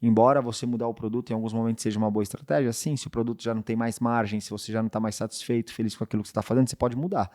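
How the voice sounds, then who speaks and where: Male podcast host, mid pitch, easygoing coaching talk full of tag questions. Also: fairly even intonation, racing, hardly any pauses, mellow. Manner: conversational, checks in with frequent tag questions. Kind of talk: casual advice talk.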